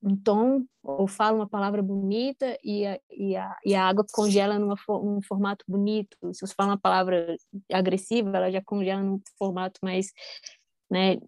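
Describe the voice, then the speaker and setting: A woman's voice: mid-range voice, little pitch movement, normal speed, darkish tone, dry recording. A woman, talking casually as a musician guest, rambling with many fillers and restarts. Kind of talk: casual conversation.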